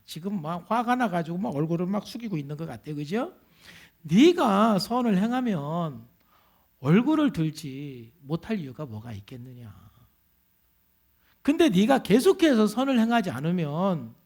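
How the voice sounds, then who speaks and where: Man voicing God, fatherly, patient, gently questioning, lowered voice, gravelly. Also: heavily acted. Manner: kindly probing questions, slow and earnest. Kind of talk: sermon quotation.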